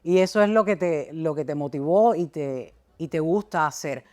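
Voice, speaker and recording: A woman's voice: deep voice, moderate pace, a little mellow. A woman hosting a talk show, interviewing her guests in a conversational way and doing announcer-style sign-offs.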